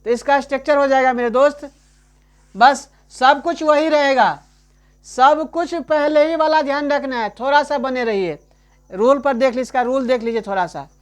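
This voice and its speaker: Very high-pitched, this man chats his way through a grammar lesson, addressing the listener as his friend and constantly checking in with "right?" He says the example sentences again, slowly.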